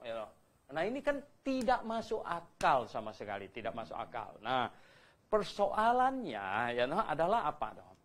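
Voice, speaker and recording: A man's voice: mid-range voice, normal speed. An older man, a pastor, teaching the Bible in a conversational way, with rhetorical questions and stories. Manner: animated, rhetorical questions, anecdotes.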